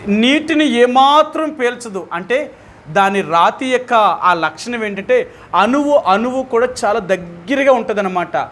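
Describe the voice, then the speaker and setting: A man's voice: very high voice, lively intonation, unhurried, a bit bright. A man with a Telugu accent leading a Bible study as pastor, who keeps putting questions to his listeners and speaks with emphasis.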